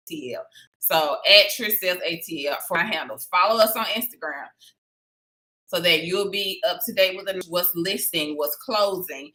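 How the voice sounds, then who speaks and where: Casting: bright-voiced woman, realtor hosting a livestream, chatty and promotional. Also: on the low side, rough recording. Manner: chatty and promotional, with southern "y'all". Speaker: real estate agent hosting a weekly live stream. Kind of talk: casual live-stream talk to viewers.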